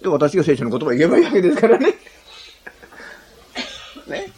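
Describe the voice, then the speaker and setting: A man's voice: fairly high pitch, huge pitch swings, moderate pace, crowd noise. A man preaching a sermon in a chatty, humorous way, often asking his listeners questions. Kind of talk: sermon to a congregation.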